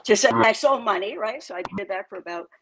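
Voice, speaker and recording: Gravelly-voiced woman in her seventies. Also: medium pitch, quick pace, low-quality recording. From New York State, USA. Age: 70s. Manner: rambling, hesitant, with frequent fillers. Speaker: guest, crypto project co-creator. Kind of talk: casual interview chat.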